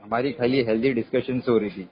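A man speaks over a muffled phone line at a brisk, rapid pace. He explains himself at length, calm but insistent. His voice sits in a middle pitch. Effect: heard over a phone line. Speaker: caller, former company employee. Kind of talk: casual phone conversation. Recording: muffled phone call recording.

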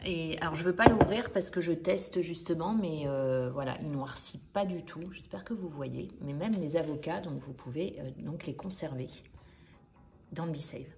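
A middle-aged woman giving a casual, chatty product demonstration in her home kitchen, pausing often with fillers. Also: low-pitched, darkish tone. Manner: chatty, hesitant with frequent fillers. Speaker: cooking vlogger demonstrating a product.

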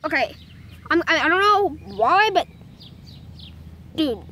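A young woman shoots a casual nature vlog outdoors in her backyard with a handheld phone camera, and faint birdsong can be heard. Her high, sharp voice has a sing-song quality, and she takes things slowly, rambling hesitantly with frequent "like" and "I mean."

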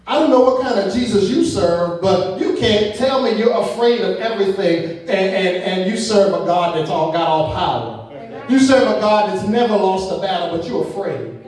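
A man's voice: sits high, expressive, normal speed, darkish tone. A middle-aged man preaching a sermon as pastor, speaking into a handheld mic in a church sanctuary, rising into half-sung emphasis and repeating words as he builds. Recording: echoey church room from far off.

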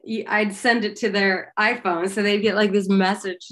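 A Maryland-born, middle-aged woman who works as a singer and yoga teacher chats on a casual video-call interview from home, her stories full of lively, animated bursts. She has a medium pitch and moderate pace, and there's a little hiss or hum.

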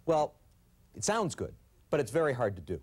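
A man teaching a management course, lecturing and telling stories in an animated way. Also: mid-range voice, normal speed, breathy edge. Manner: animated storyteller. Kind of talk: scripted lecture with storytelling.

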